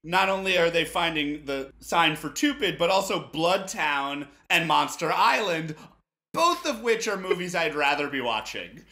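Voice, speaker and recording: A man's voice: fairly high pitch, expressive, a little slow, sharp tone. A man co-hosting a movie podcast, recapping scenes with dry, wry humor. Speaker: podcast co-host. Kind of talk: casual movie review chat.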